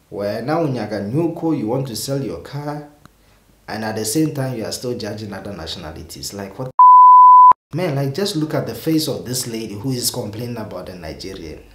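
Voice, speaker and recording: A young male vlogger talks casually to camera in a small indoor room lit purple, sounding exasperated and rambling as he keeps restarting his words. His voice is lowish and the sound is roomy.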